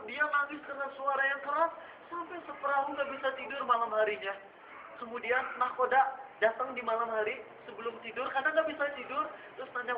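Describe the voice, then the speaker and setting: Man, preacher, storytelling sermon, acts out voices, high voice, echoey room, distant mic. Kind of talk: sermon to students. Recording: echoey room heard from far off, dull and noisy.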